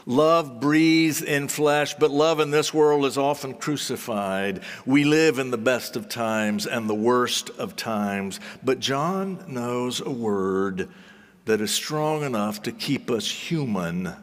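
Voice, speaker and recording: A man preaching a sermon in deliberate, solemn phrases, with rhetorical repetition and dramatic pauses. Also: medium pitch. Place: large reverberant hall or sanctuary. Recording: long hall reverberation.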